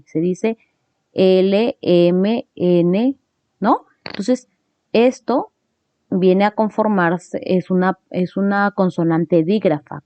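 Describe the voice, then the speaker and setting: Slow, mellow-voiced woman teaching. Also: mid-range voice, no room sound. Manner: explains step by step, checks in with frequent tag questions. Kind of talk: classroom grammar lesson. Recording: dull lo-fi recording.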